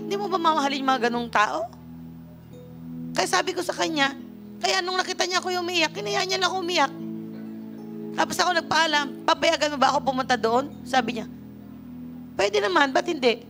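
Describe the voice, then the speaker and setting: A woman's voice: sits high, fairly quick, pauses often, music in the background. A middle-aged woman from the Philippines, a pastor giving a sermon and telling a personal story, slipping English phrases into her talk. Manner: storytelling preacher, switching freely into English phrases. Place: church worship service.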